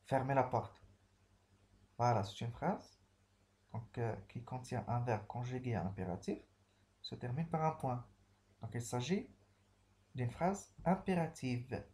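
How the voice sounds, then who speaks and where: Patient male teacher, mellow voice. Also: medium pitch, measured pace, pauses often. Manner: patient, repeats each key phrase. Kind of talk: classroom grammar lesson.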